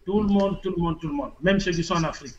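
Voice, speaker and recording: A political activist from the Republic of the Congo answers an interviewer in Congolese-accented French, talking fast in a high voice and repeating phrases for emphasis. The recording is muffled, with a little hiss or hum.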